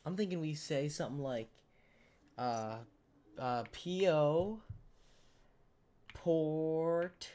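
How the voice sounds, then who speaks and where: A man whose voice is hoarse from a cold, rambling in a casual, self-deprecating way while commenting on a word game. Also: on the high side, very slow, pauses often, warm tone. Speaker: gaming channel host.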